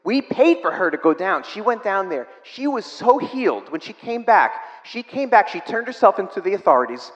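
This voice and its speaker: A man preaching a sermon, telling stories that rise to emphatic, excited bursts and then drop to hushed, soft passages. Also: sits high, moderate pace, hardly any pauses, big-room sound. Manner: storytelling, rising to emphatic bursts, dropping to soft near-whispers.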